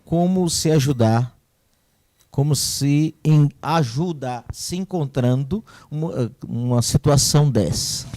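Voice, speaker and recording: A man hosts a live stream as a priest and reads viewers' questions aloud. He speaks in a measured way, with a mellow voice on a dry recording. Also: on the high side, dry recording.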